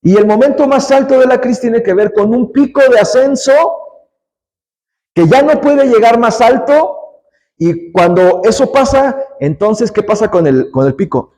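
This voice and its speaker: High-voiced pastor preaching. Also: male voice, lively intonation, normal speed, low-quality recording. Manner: emphatic preaching, rising loud on key lines; conversational asides to the congregation. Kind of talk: sermon.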